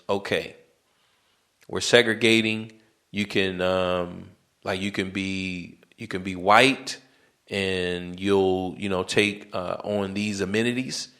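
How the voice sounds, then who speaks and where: A man's voice: lowish voice, a bit bright. A man hosting a podcast, talking casually in a rambling way with lots of fillers, slang and restarts. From United States. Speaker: podcast host. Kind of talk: casual monologue.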